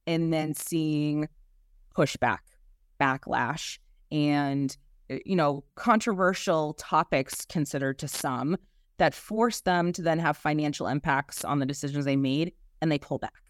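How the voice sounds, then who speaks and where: A woman's voice: low voice, smooth, no echo. A woman with a Boston accent speaks as an interview guest in a dry, close recording. She talks conversationally and makes her points with emphasis, often checking in with a short questioning tag at the end. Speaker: interview guest, human resources executive.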